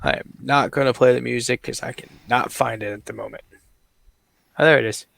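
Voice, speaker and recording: A man hosting a podcast, calling toy figure wrestling matches play-by-play with drawn-out match calls. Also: medium pitch, steady tone, gravelly, heavy background noise. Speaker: podcast host and commentator.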